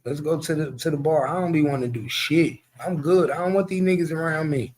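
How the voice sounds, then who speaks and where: This show host, a man in his 40s, speaks briskly with a fairly high voice. His storytelling in the casual chat is animated, blunt and heavy on profanity.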